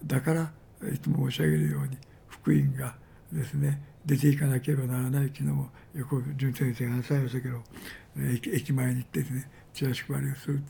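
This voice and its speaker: A male pastor delivers a storytelling sermon, his voice heavily gravelly and husky. It sits somewhat high for a man yet sounds dark and mellow. He leans on fillers and repeats words for emphasis. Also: little pitch movement, fast.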